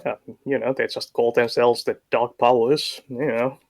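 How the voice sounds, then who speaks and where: A man playing a tabletop game, chatting casually in character with hesitant hums and pauses. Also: mid-range voice, flat delivery, vocal fry.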